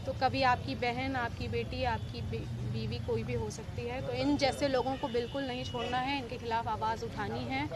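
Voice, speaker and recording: A woman's voice: on the high side, steady tone, moderate pace, few pauses. A woman in her thirties, a local politician, speaking emphatically and accusingly to reporters outdoors on a city street. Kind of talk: street press interview.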